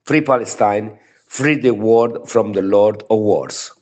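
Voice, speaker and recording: This is a prepared political solidarity statement for a trade union, given in broken English by a man from Italy whose native language is Italian and whose accent shows it. He speaks slowly, with a low-sitting, darkish voice.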